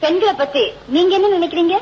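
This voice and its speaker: A curious young film heroine, speaks in a high-pitched voice. It is film dialogue on a slightly noisy old soundtrack. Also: female voice, quick pace, mellow, muffled recording. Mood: curious, coy.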